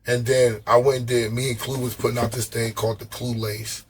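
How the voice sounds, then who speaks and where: On a podcast, a male guest with a medium-pitched voice speaks fairly quickly in a casual storytelling interview. His tales come out loose, profane and animated, full of slangy street talk, and he often stumbles and repeats his words.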